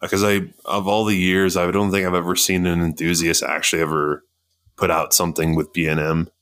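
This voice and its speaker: A man co-hosting a podcast, chatting casually and telling stories in a relaxed way. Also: sits low, fairly quick, smooth. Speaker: podcast co-host. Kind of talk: casual chat.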